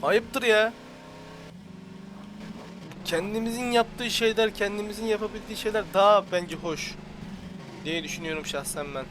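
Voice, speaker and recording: A young man giving casual, jokey commentary while playing a shooter, swearing at enemies and shouting in sudden bursts. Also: high-pitched, moderate pace, pauses often, a little hiss or hum. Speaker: gaming channel host.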